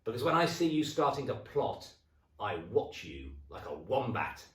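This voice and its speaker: A man voicing a nasty old hag wife, shrill and cackling, in a roomy recording. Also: big pitch swings, moderate pace, natural voice. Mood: sly. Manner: shrill and screeching. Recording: roomy echo, distant mic.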